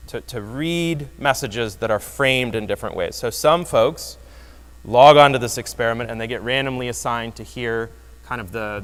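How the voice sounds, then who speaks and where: A man giving a lively, wry conference talk that explains research results, often restarting his phrases. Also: mid-range voice. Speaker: presenter. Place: conference hall. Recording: long hall reverb.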